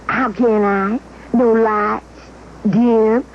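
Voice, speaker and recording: A woman's voice: a little high, steady tone, extremely slow. A woman playing a nervous, dithering female dancing dragon in a theatrical children's puppet show. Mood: flustered. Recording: dull, hissy old TV soundtrack.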